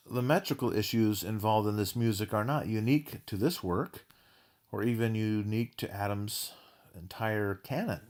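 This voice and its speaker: A man delivering a recorded music theory lecture in a measured academic manner, reading his analysis with occasional fillers. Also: on the low side.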